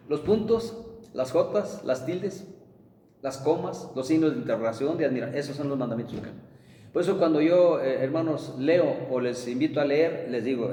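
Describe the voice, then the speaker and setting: A man preaching a sermon, rising emphatically to quote scripture and then dropping low. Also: a little mellow, slight background noise. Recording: echoey room heard from a distance.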